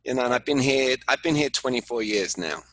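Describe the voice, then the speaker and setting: Bright-voiced British-born man on a video call. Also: mid-range voice, lively intonation, a little fast, dry recording, low-quality recording. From Britain. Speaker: guest. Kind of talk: casual video-call chat.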